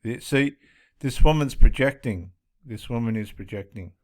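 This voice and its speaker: A man's voice: medium pitch, moderate pace. A man commenting on police footage, stressing points by repeating his phrases. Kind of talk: video commentary.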